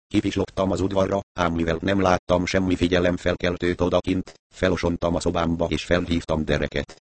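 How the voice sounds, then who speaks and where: Deep-voiced man reading a mystery. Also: slight background noise. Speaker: audiobook narrator. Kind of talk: scripted narration.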